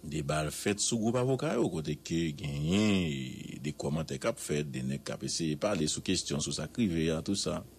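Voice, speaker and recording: A man's voice: extremely low pitch, big pitch swings, gravelly, a little hiss or hum. A man with a Haitian accent giving emphatic radio news commentary, repeating words for effect and asking rhetorical questions. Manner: emphatic, drawn-out repetitions, proverbs and rhetorical questions.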